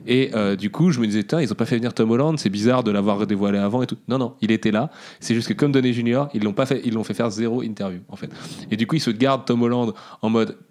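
A man's voice: fairly low pitch, a little mellow. A young man hosting a casual podcast chat, joking and steering the talk along. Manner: quick, joking, drives the conversation. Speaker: podcast host.

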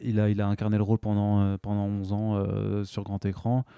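A man co-hosting a podcast in a quick, teasing, conversational way. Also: on the low side, monotone, creaky, mellow, clean tone, no room sound, studio quality. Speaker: podcast co-host. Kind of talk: casual chat.

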